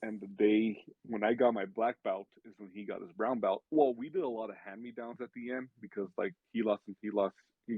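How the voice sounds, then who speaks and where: Gravelly man on a tinny line. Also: fairly low pitch, animated, brisk, no room sound. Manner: rambling, with many restarts and filler words. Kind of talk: casual storytelling. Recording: tinny phone-like sound.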